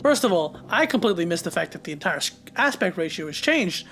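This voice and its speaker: A man's voice: high-pitched, very animated, a bit bright, faint music behind. Chatty young man reacting to a show. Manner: talks back to the screen, quick asides and laughs. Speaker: reaction video host. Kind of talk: casual reaction commentary.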